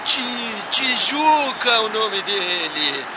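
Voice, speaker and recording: A man playing an excited radio football commentator, shouting explosive goal commentary with drawn-out calls. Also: very high-pitched, noisy background. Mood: explosive, ecstatic.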